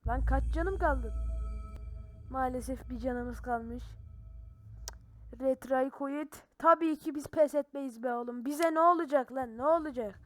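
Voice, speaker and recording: A woman giving excitable, slangy let's-play commentary on a horror game, yelling and cursing when startled. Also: sits high, measured pace, no echo, soft background music. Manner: slangy banter with viewers. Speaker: gaming channel host.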